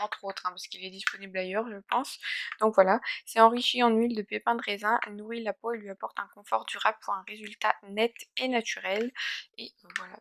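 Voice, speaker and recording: A woman's voice: on the high side, creaky, background noise. A young woman chatting casually through a beauty box unboxing, full of hesitations and fillers. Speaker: beauty vlogger.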